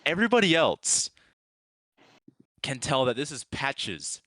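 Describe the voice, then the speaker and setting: A man narrating as game master of a tabletop game, playful and lively. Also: medium pitch, a little slow, dry recording.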